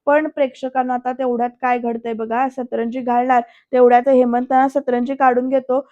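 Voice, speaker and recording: A woman's voice: high voice, flat delivery, fairly quick, mellow, no room sound. A woman narrating a voice-over recap of a TV serial episode, speaking directly to viewers in a dull, lo-fi recording. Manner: addresses viewers directly, storytelling.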